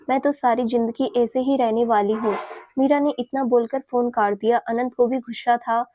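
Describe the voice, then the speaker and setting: Woman narrator for a romance audio story, voices the lovers herself; higher pitch, mellow tone. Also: dry recording. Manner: reads both lovers' lines in her own voice.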